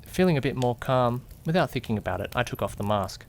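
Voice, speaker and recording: Quick and expressive, this mid-range, natural-sounding man voices an amateur mystery audio drama in first person, with slight background noise. He takes the part of a detective's curious, jittery young companion, narrating with suspense and questioning asides. Curiosity and suspense run through it.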